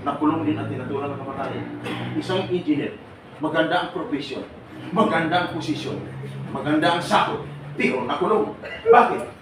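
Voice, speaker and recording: Fairly high-pitched and a bit quick, a middle-aged man's voice fills a live seminar where he asks the audience questions and keeps joking and laughing. The recording comes from a distance in a noisy, echoing room.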